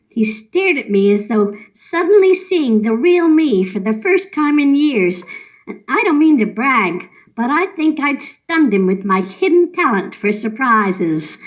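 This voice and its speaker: A woman's voice: fairly high pitch, a bit bright, muffled recording. A woman delivering a comic monologue as a patient telling her doctor about her surprises, chirpy, self-satisfied and oblivious.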